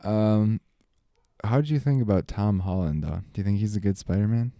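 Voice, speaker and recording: A man's voice: on the low side, moderate pace, mellow, no room sound, clean studio sound. A man co-hosting a casual movie review chat, opinionated and sarcastic. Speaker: podcast co-host.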